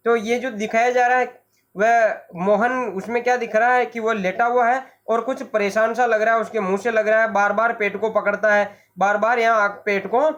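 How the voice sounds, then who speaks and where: A Hindi teacher explaining a school play, going slowly and repeating each point, pausing to give the meanings of words. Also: medium pitch, steady tone, a bit bright, highs cut off. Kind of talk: classroom lesson explanation.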